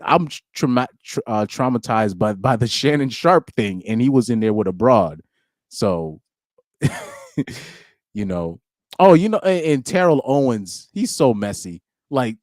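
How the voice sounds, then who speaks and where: A man's voice: fairly low pitch, darkish tone, no echo, studio quality. A young man hosting a live-streamed podcast in casual chat, reading out comments and rambling with slang and frequent restarts.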